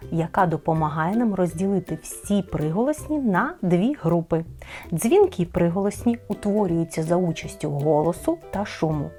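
A woman teacher explaining speech sounds in a clear, deliberate children's lesson. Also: on the low side, warm tone.

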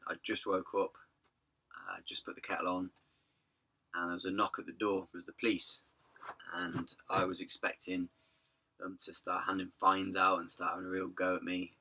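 A hoarse man, telling his vanlife story in a rambling, chatty way. He says he is losing his voice. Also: low voice, bright, forceful tone. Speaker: vanlife vlogger. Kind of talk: casual vlog narration.

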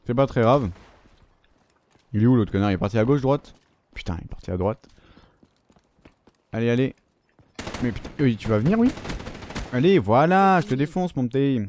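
A man commentating his own gameplay, excitable, swearing often and yelping at the game, talking with his mouth full. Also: medium pitch, normal speed, pauses often, a little hiss or hum. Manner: excitable, swears a lot, shouts and yelps at the game. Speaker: gaming YouTuber.

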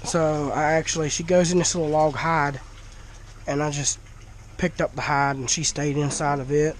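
With a fairly high voice that moves little in pitch, a stuffy-nosed man speaks at normal speed as he films his fish tank. He's a folksy, talkative vlogger in a dim cinder-block shed, wearing the action camera that records him. A little hiss or hum is audible.

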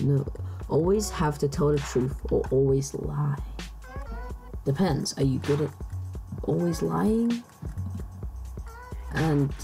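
A woman's voice: low-pitched, vocal fry. A woman vlogger musing aloud in casual chat, hesitant, with many restarts.

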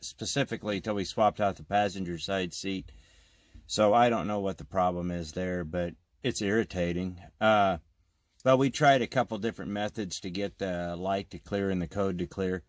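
A man's voice: medium pitch, pushed and bright. A man in his forties talking plainly with lots of fillers, filming himself at arm's length in his car and outdoors in a driveway as he works on the car. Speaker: vlogger doing car maintenance. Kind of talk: casual how-to vlog. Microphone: handheld camera at arm's length.

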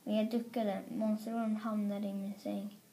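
A woman reading a children's story aloud in an expressive, playful way. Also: mid-range voice, slight background noise. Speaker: storybook reader. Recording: roomy echo.

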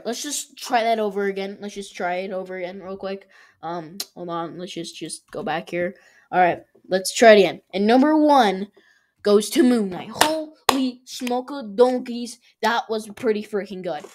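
A woman rambles through a casual review for her vlog, excitable and full of fillers. She keeps restarting her sentences and talking over herself. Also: mid-range voice. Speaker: channel host ranking shows.

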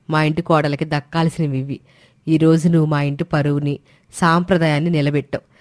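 Stern mother-in-law in an animated storybook, a woman reading, dry and close. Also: sits low, no room sound. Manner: firm, lecturing. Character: firm, proud middle-aged mother-in-law, fair-minded. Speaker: narrator and lead figure.

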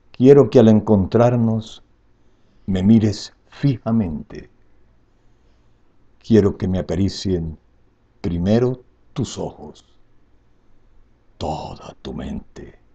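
A man in his seventies declaiming poetry in a grand, dramatic manner, with slow phrasing that swells in emphasis and falls away softly, in a husky, gravelly voice. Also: deep voice, highs cut off. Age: 70s. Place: indoor room at home.

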